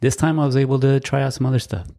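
A man co-hosts a casual podcast chat in a mid-range, steady, warm voice, talking rapid-fire. His manner is laid-back and dry, rambling along with plenty of fillers.

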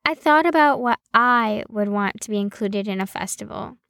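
A woman hosting her own podcast, reading a scripted personal story in a slow, deliberate storytelling manner. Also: mid-range voice, vocal fry, a bit bright, no echo, clean studio sound. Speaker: podcast host.

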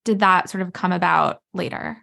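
A woman's voice: on the low side, fairly even intonation, moderate pace, gravelly, bright, forceful tone. A woman who hosts a podcast and owns a bookshop, asking her guest friendly, chatty questions. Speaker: podcast host and bookshop owner. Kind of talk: podcast interview.

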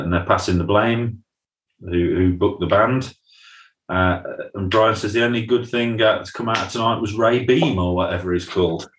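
A man's voice: sits low, a bit bright. A man, co-hosting a podcast and chatting casually through a recap, often acting out lines from scenes. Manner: chatty, quotes scenes in funny voices. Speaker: podcast co-host. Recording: roomy echo.

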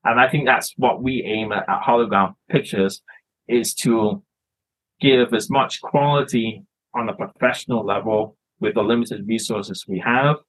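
A man's voice: lowish voice, measured pace, fairly bright tone, rough recording. A man from Canada, a filmmaker guest chatting casually in an interview, rambling and often restarting his words.

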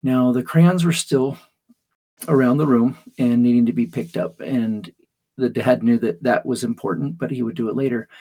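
Gravelly-voiced man telling a parenting story. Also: mid-range voice, dark tone. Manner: narrates anecdotes step by step, explanatory. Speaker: mentor explaining emotions. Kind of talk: podcast storytelling.

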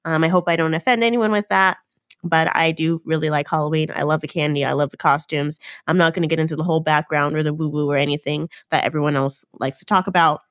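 A fast-talking woman with a low voice and fairly even intonation hosts a casual solo podcast. Nasal from a cold, she chats upbeat with listeners, dropping fillers and correcting herself often, all in echo-free studio quality.

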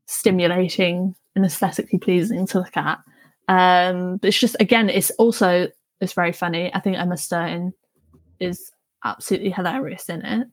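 Chatty woman film journalist, lowish voice. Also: normal speed, dry recording. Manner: laughs often, relaxed and chatty. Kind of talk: casual film chat.

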